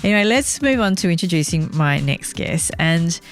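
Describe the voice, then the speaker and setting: A woman hosting a podcast, giving speaking tips in a clear, measured, coaching tone. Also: fairly low pitch, animated. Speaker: podcast host.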